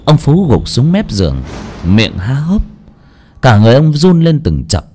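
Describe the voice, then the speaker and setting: Expressive male audiobook narrator. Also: mid-range voice, measured pace, a little hiss or hum. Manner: expressive, dramatic storytelling. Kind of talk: dramatic story narration.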